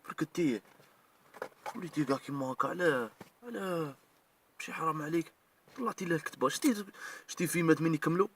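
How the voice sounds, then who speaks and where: Fast, sharp-voiced Algerian man ranting. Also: fairly high pitch, distant mic, slight background noise. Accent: Algerian Arabic. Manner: emotional, scolding, addresses people directly. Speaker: online commentator. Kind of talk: heated video rant.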